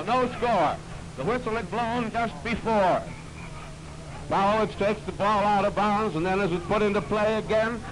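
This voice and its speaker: A man with a high voice calls a basketball game in plain, steady play-by-play. It comes from a played-back early 1930s archive recording, with loud hiss under the voice. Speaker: basketball commentator. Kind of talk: live play-by-play commentary. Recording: noisy, hissy old archive recording.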